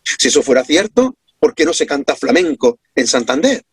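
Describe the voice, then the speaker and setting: A man's voice: fairly high pitch, big pitch swings, normal speed, husky, dry recording. A man from Córdoba with an Andalusian accent, explaining as an interview guest from his home over a video call, emphatic and full of rhetorical questions. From Córdoba, Andalusia, Spain.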